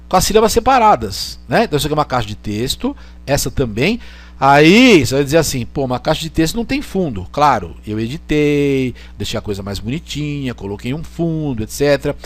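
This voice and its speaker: A man's voice: on the high side, sing-song, brisk, no echo. A man from Brazil giving a casual online lecture with a screen demo, chatty and joking, often checking in with the listener.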